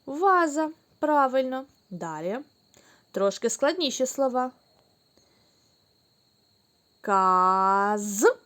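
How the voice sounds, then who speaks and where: A woman teaching young children, speaking slowly and clearly, drawing out the syllables. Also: on the high side, sing-song. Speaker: kindergarten teacher. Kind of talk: recorded online lesson for young children.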